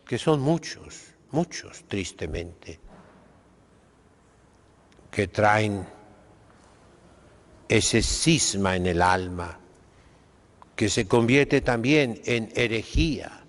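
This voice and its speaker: A man's voice: fairly low pitch, lively intonation, very slow, long pauses, long reverb tail. A Mexican man preaching a sermon as a priest, emphatic and direct, checking in with his listeners with questioning asides.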